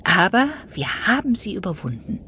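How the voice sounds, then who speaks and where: A woman's voice: mid-range voice, very animated, moderate pace, sharp tone, a little hiss or hum, voice pushed up. A woman reading a storybook, voicing a kind and brave rainbow fish in a soothing, raised voice. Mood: reassuring.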